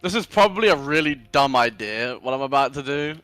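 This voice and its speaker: A man chatting casually as a player in a tabletop game, halting and repeating his opening words. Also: mid-range voice, expressive, music in the background. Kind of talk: casual chat.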